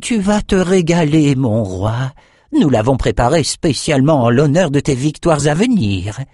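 A man's voice: a little high, big pitch swings, measured pace, a little mellow, slightly rough, dry recording, clean studio sound, pitched above the performer's own voice, heavily acted. A man voicing an old, lame male cook, a slave who stammers and begs in fear. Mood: fawning. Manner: stammering, begging.

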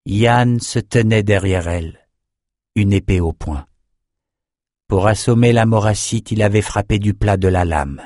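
Low-voiced man narrating a fantasy audiobook. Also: a little slow, a little mellow, no room sound, studio quality.

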